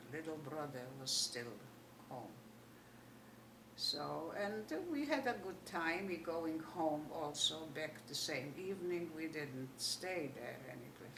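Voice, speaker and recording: An elderly Polish woman in her 80s, a Holocaust survivor, gives oral history testimony in a low voice with a Polish Yiddish accent. She tells her life story animatedly, acting out remembered conversations. The mic is distant in an echoey room, with faint noise.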